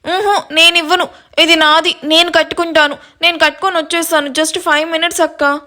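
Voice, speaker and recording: A woman's voice: very high voice, little pitch movement, brisk, sharp tone, pitched above the performer's own voice. A woman storyteller voicing a shy young woman who stammers nervously while caught out. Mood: flustered.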